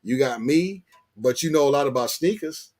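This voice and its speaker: A man's voice: medium pitch, lively intonation, moderate pace, a little mellow. An American man hosting a casual live chat, slangy and fond of repeating phrases for emphasis. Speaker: live stream host.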